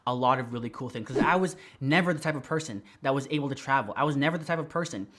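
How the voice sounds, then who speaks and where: Energetic man pitching a tutorial. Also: fast talker, a little hiss or hum. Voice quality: slight whistle on S sounds from new braces. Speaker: online business teacher. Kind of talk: tutorial to camera.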